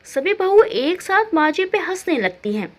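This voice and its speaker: A woman reads a family moral story aloud and names each speaker before her lines. Her voice is high and very expressive, climbing and dropping a lot. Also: normal speed.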